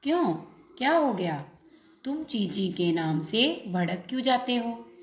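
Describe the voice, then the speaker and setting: A woman voicing a gentle, kindly young male bird with a soft, affectionate way of talking. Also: on the high side, expressive, unhurried, reverberant. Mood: surprised.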